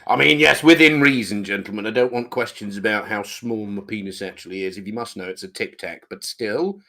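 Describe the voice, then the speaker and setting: A man's voice: lowish voice, brisk, pushed and bright. A man co-hosting a livestream podcast, chatting in a jokey, theatrical way. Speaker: podcast co-host. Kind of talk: casual livestream chat.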